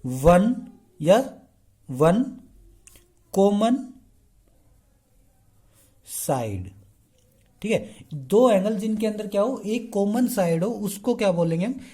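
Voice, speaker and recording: A man's voice: high-pitched, lively intonation, warm tone. A man teaching a math lesson. He mixes Hindi with English math terms, asks the class questions and answers them himself, and keeps checking in with the students. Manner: keeps checking in with the class by saying "okay" again and again; slow and drawn out while writing on the board. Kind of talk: explaining a lesson.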